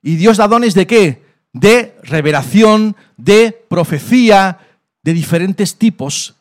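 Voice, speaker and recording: A man's voice: high-pitched, lively intonation, slow pace. A man with a Spain Spanish accent preaching in a church and giving a personal testimony, emphatic, asking questions and answering them himself. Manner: emphatic, asks and answers his own questions. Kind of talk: sermon testimony. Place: church hall.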